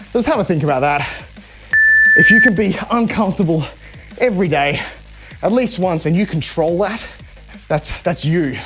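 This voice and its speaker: An instructor coaching a live home workout, chatty and encouraging while demonstrating the moves. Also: medium pitch. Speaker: fitness instructor.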